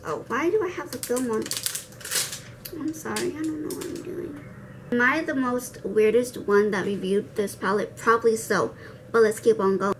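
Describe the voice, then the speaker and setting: A young woman vlogger talks through a makeup demo at an ordinary mid pitch, her r sounds leaning toward w. She is chatty, slangy and quick to poke fun at herself. The home recording has clear background noise. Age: young adult. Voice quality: soft r sounds, r said like w. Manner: playful, self-deprecating, slangy asides. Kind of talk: casual chatty tutorial. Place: indoor room with cloth backdrop, seated before camera.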